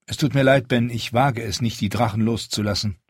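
A man reading a proud, commanding young queen in an audiobook, raising his voice high and firm. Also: steady tone, a little fast, breathy edge, dry recording, studio quality, natural voice. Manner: firm, defiant, raised pitch.

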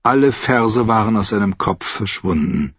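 A man reading an audiobook in a measured, calm narrating style. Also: on the low side, husky, no room sound, highs cut off. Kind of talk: scripted narration.

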